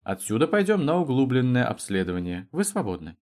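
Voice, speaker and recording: A man reading the lines of a brisk, businesslike male university curator giving instructions. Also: medium pitch, very animated, darkish tone, pitched above the performer's own voice.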